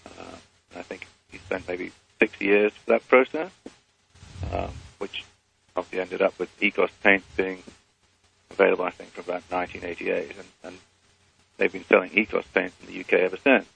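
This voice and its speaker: A man's voice: sits low, level tone, normal speed, vocal fry, a bit bright, breathy edge. A man as a guest on a phone interview, speaking hesitantly with many fillers, his phone held away from his mouth so he sounds faint and distant.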